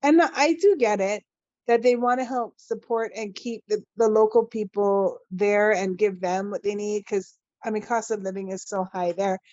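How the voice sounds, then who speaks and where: A woman's voice: medium pitch, steady tone, darkish tone, dry recording. Earnest woman on a dull, dry line. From Hawaii. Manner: earnest and impassioned, with halting restarts. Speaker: guest. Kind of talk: casual podcast interview.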